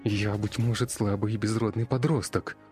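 A man's voice: lowish voice, steady tone, normal speed, a little mellow, soft background music, voice pushed up, natural voice. A man voicing a cornered teenage half-elf boy who talks in a strained, tearful, defiant way. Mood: tearful defiance.

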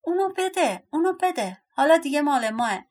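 Greedy, ugly little dwarfs from a storybook, clamoring for treasure in shrill, repeated cries, as a woman reader puts them on. The voice sits high and pushes hard on every demand. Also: animated, lightly acted.

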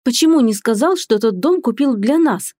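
A woman's voice: a little high, lively intonation, moderate pace, warm tone, no room sound, studio quality, voice pushed up. A woman doing an eager young bride. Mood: emotional. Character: young woman, anxious then joyful bride.

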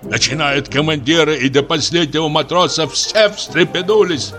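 A man's voice: moderate pace, bright, forceful tone, faint music behind. A man voicing a deaf, pompous old sea captain. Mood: nostalgic. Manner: booming sea commands, mishears everything. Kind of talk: audiobook play reading.

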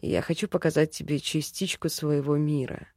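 Brief: gentle young male elf, deep and hushed, read by a woman narrator. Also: steady tone, moderate pace, no echo, studio quality. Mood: tender. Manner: soft, low and earnest. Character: tender, devoted male elf, young adult.

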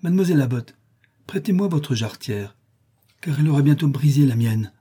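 A firm, kindly nursemaid in a storybook reading, played by a man. She admonishes steadily, in a higher voice than the narrator's, with a dark, husky tone. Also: lively intonation, brisk. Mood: admonishing.

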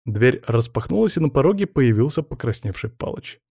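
Male audiobook narrator, warm dark tone, even storytelling. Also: mid-range voice, brisk, gravelly, slightly rough, no room sound, clean studio sound.

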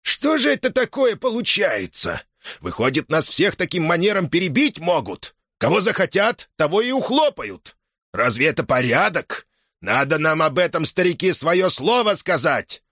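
A man reading an audiobook, voicing a breathless, alarmed villager who shouts to the crowd. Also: fairly high pitch, sing-song, normal speed, no room sound, clean studio sound, voice pushed up, full character voice. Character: breathless alarmed villager waving his arms.

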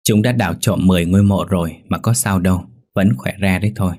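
A man narrating a ghost story in a measured, suspenseful manner. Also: sits low, steady tone, a little mellow. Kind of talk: scripted horror story narration.

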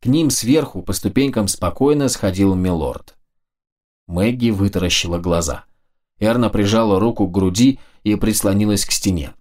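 A man narrating a fantasy audiobook in a steady, measured storytelling manner. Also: on the low side.

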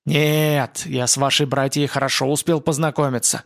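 A man reading the part of a gruff, blunt older male priest and war veteran in an audiobook. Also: mid-range voice, fairly even intonation, normal speed, fairly bright tone, dry recording, studio quality. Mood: hostile. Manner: blunt, commanding.

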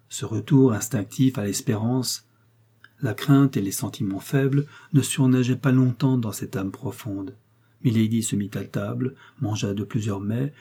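A man narrating a classic novel as an audiobook, in a measured, dramatic reading. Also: fairly low pitch, mellow, breathy edge.

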